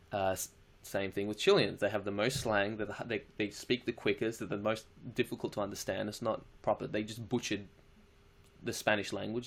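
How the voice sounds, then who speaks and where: This young Australian guy has a fairly low, slightly bright voice and an Australian accent. Fielding viewer questions on his live stream, he stays laid-back and slangy, with some casual swearing.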